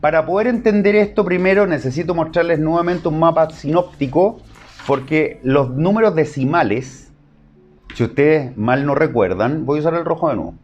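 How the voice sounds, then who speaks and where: A man's voice: a little high, moderate pace, darkish tone, highs cut off, faint music behind. A man with a Chilean accent teaching an online math class, explaining step by step and checking in with short questions.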